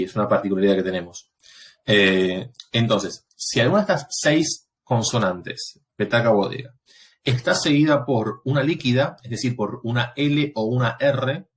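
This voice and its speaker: Patient man explaining like a teacher. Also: on the low side. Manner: patient, explanatory, checks understanding with frequent "¿sí?". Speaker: Latin teacher. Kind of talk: recorded class lecture.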